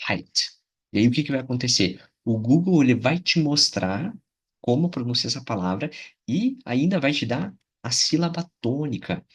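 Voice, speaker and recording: A man's voice: mid-range voice, husky. A Brazilian Portuguese-speaking man teaching English in a casual spoken lesson. He talks in a chatty way, repeats short phrases and keeps checking in with the listener.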